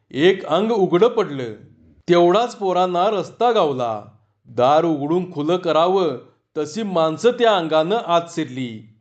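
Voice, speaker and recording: A man narrating a humorous folk story in an expressive, lively storytelling style. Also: on the high side, highs cut off.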